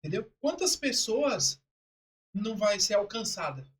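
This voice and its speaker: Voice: mid-range voice, very animated, measured pace. A distant preaching co-host asking rhetorical questions. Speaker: co-host of a church live stream. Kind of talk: preaching commentary.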